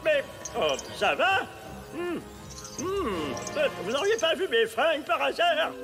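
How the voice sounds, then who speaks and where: A sheepish cartoon father, voiced by a man who dawdles through his words. The voice is high and slow, with wide swings. Music plays behind him. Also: very animated, exaggerated voice. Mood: puzzled. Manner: hesitant, puzzled. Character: bumbling cartoon dad, confused and sheepish. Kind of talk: cartoon voice acting.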